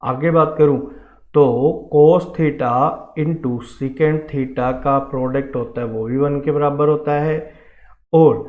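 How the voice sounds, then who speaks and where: A man with an Indian accent teaches an online math lesson, his voice sitting a little high. He explains steadily and encouragingly, checking often that his students keep up. The sound is thin and phone-like, with a roomy echo. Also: steady tone, slow pace. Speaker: math teacher for defence entrance exams. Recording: tinny phone-like audio with room echo.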